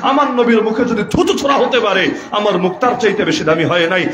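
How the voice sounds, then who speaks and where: A man's voice: lively intonation, quick pace, echoey room, crowd noise. A man preaching a sermon, mocking with rhetorical questions and growing impassioned. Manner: mocking, rhetorical questions, mimics others in a higher voice; impassioned, defiant. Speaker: Islamic preacher.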